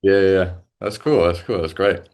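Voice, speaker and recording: A young Irish man, a musician appearing as a guest, chats casually in an interview, halting often with lots of fillers and restarts. His voice is deep and darkish, with fairly even intonation.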